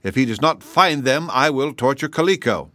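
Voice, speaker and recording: A man voicing a cruel, quick-tempered male gnome king who roars and snarls his threats. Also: mid-range voice, lively intonation, sharp tone, dry recording, pitched above the performer's own voice. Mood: menacing.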